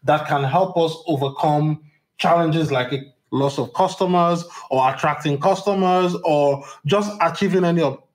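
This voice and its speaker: A male podcast host asks long, winding questions about business. His voice sits a little high for a man, and he leans on fillers like um and you know. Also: normal speed.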